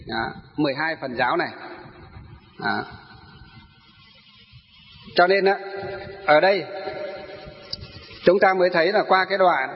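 A Buddhist teacher with a high voice gives a sutra lecture, posing rhetorical questions and then answering them himself. The recording is dull and muffled, and his words trail off into a long reverb like that of a large hall.

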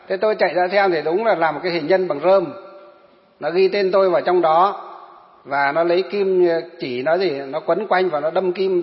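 A Buddhist monk, telling a story in a sermon and often asking his listeners rhetorical questions. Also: high voice. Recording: dull echoey hall sound.

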